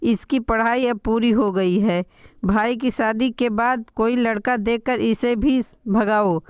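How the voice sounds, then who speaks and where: A woman's voice: a little high, steady tone, takes it slowly, smooth, no room sound. A woman voicing a young man who pokes fun at his sister with playful jabs. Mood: mocking. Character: young man, teasing cousin-brother.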